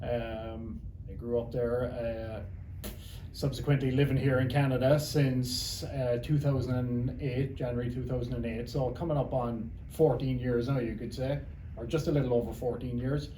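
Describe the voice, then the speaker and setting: A man's voice: mid-range voice, flat delivery, normal speed, warm tone, echoey room, a little hiss or hum, poor audio. Chatty man with a Cork accent. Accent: Cork Irish. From Ireland. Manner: chatty, rambling, repeats words. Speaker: guest. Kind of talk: casual interview chat.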